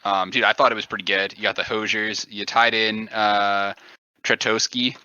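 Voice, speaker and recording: A man's voice: fairly low pitch, flat delivery, moderate pace, bright, forceful tone, smooth, dry recording. A young man co-hosting a podcast, casual and jokey, with a rambling way of talking. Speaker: podcast co-host. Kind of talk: casual chat. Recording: dull lo-fi recording.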